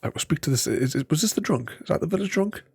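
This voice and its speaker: A man giving casual game commentary and reading dialogue aloud in a halting, hesitant way. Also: a little high, lively intonation, vocal fry, a little mellow, slightly rough. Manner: chuckles often. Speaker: game streamer.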